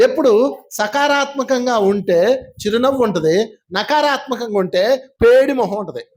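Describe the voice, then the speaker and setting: A man giving a spiritual class, telling stories in a lively way and putting questions to his audience. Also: sits high. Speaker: spiritual teacher.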